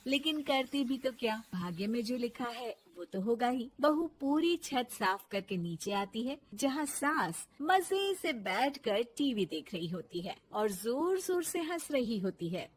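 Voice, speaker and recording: A woman narrating a cartoon moral story in a soft, measured way. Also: a little high, a little hiss or hum.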